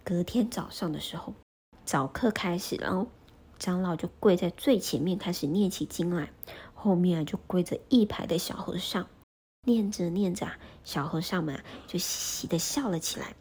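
A woman narrating a children's story in a gentle manner, speaking to the young listeners with drawn-out particles. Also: fairly low pitch, slightly rough.

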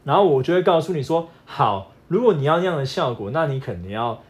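Fast-talking animated man on a podcast. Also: a little high. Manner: animated, acts out his wife's whining in quotes. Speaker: podcast co-host, fitness coach. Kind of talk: casual couple chat.

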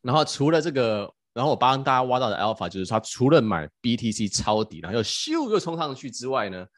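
A man, a podcast host telling a story casually and in an animated way, often restarting his phrases. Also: mid-range voice, quick pace. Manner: animated, acts out quotes, stammers restarts.

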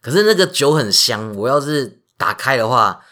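A man's voice: medium pitch, sing-song, normal speed, bright, forceful tone. A man with a Taiwanese Mandarin accent voicing a proud, dismissive male centaur. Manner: dismissive, boastful.

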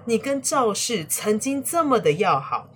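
A woman reading a scornful storybook villain, sneering and suspicious, lively swings in pitch. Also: unhurried, slight background noise. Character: scheming male villain minister, suspicious and scornful.

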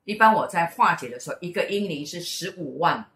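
A woman's voice: on the low side, brisk, echoey room. A middle-aged woman with a Taiwanese Mandarin accent, telling a story in casual chat and acting out the lines of the people in it. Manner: animated storyteller who acts out quoted speech. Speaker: host, mother.

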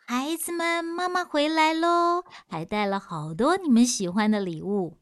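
A woman voicing a sly mountain monster who pretends to be the children's mother, calling in a slow, coaxing drawl. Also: high voice, animated, no room sound, clean studio sound, voice pushed up.

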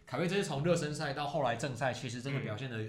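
A man's voice: medium pitch, rapid-fire. A man with a Taiwanese Mandarin accent in a casual sports discussion, chatty and colloquial with frequent interjections, as a podcast host. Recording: roomy echo.

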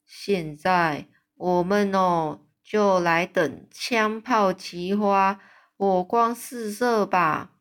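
Storybook figure: woman reading, doing a kind big giant, slow and soft-spoken. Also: medium pitch. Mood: hushed calm. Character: big friendly male giant, gentle and kind. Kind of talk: storybook read-aloud.

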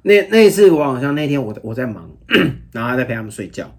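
Man in his 30s, podcast dad, quick husky delivery, big expressive swings. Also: mid-range voice. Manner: animated storytelling, acts out dialogue. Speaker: podcast co-host and father. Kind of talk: casual parenting podcast chat.

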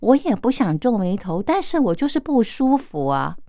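A woman voicing her elderly sick aunt, plaintive and softly complaining, in a dry recording. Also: medium pitch, very animated, normal speed, no echo, pitched above the performer's own voice.

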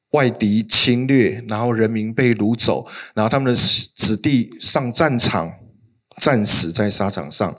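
A male pastor giving a sermon, telling stories expressively and swinging between soft, hushed passages and louder emphatic ones. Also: mid-range voice.

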